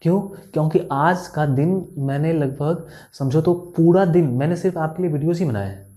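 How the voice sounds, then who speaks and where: A man doing A young Indian tutor talks students through word problems in a casual, joking way. His voice is tired and quiet, with a warm, dark tone. He speaks close to the mic. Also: fairly high pitch. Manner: chatty, teasing, talks straight to students, reads problem text aloud slowly. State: tired, speaking softly after a full day of recording. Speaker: maths tutor. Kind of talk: casual classroom explanation while writing on a board.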